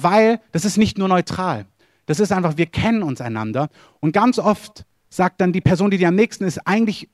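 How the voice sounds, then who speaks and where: A man's voice: no echo, clean studio sound. A man preaching a sermon in German, earnest and direct, questioning his listeners and building to raised emphatic runs. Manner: swings between soft lows and raised emphatic runs. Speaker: pastor.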